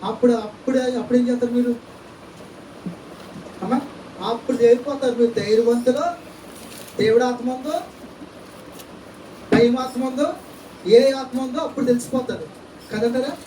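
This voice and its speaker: A male pastor preaches a sermon in a church hall, peppering it with rhetorical questions and calls of amen and hallelujah. His voice is very high-pitched and mellow, with a steady tone, normal speed, and frequent pauses. The distant mic picks up church echo, faint ambience, and slight background noise.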